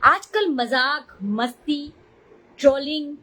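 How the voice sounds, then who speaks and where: High-pitched woman chatting on her live stream, defensive, keeps saying hi to viewers. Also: animated, takes it slowly, sharp tone, low-quality recording. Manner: chatty, defensive, greets viewers mid-talk. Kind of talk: casual live-stream chat.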